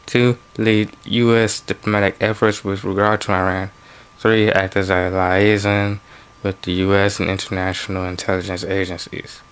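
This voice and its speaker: A man's voice: low voice, flat delivery, moderate pace, a bit bright, clear, resonant tone. A man reading news articles aloud and adding casual, offhand commentary of his own. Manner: plain reading broken by offhand asides and restarts. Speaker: political commentary vlogger.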